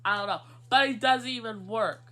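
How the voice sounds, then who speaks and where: A woman co-hosting a casual chat, recapping a cartoon with animated, drawn-out emphasis and frequent laughter. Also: fairly high pitch. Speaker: co-host.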